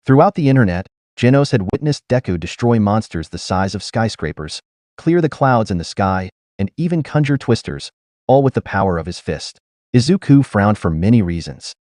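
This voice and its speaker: Low, lively male storyteller. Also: moderate pace, no room sound, clean studio sound. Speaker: story narrator. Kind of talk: scripted narration.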